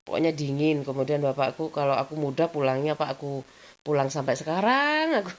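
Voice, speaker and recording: A woman's voice: sits low, lively intonation, fairly quick. A woman telling personal stories in a casual vlog, chatty and rambling, leaning on the same filler phrases again and again. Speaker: vlogger.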